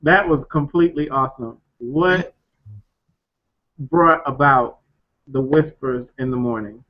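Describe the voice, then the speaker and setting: A man's voice: medium pitch, measured pace, muffled recording. A man interviewing a poet, asking short, enthusiastic questions between readings.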